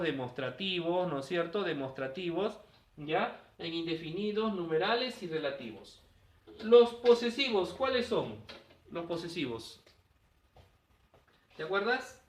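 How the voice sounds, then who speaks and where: Man, teacher, classroom lesson, high voice, echoey room heard from a distance. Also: fairly bright tone. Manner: quizzing students with rhetorical questions.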